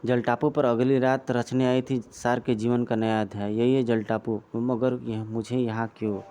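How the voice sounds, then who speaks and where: A man's voice: mid-range voice, a little mellow, a little hiss or hum. A man reading a comic book aloud in a dramatic way and adding his own remarks. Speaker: comic reader.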